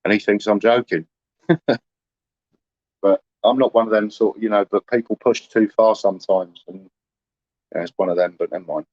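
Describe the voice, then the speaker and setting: Aggrieved man, low rambling voice. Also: normal speed, pauses often, darkish tone, no echo, lo-fi sound. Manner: rambling and aggrieved, full of "you know". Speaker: livestreamer talking to viewers. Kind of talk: casual livestream chat.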